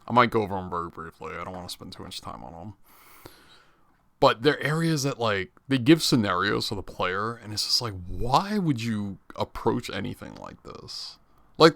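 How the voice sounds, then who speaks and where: A man's voice: lowish voice, big pitch swings, normal speed, vocal fry, fairly bright tone, dry recording, studio quality. A man giving a casual, rambling spoken critique with an exasperated manner. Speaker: podcast host reviewing a game.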